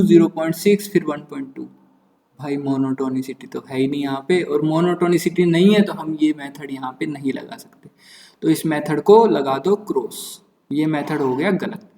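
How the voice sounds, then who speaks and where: A man's voice: sits high, darkish tone, reverberant, long reverb tail, recorded from a distance. A man teaching a maths lesson online. He explains each step, mixes English terms into his speech and puts questions to his students.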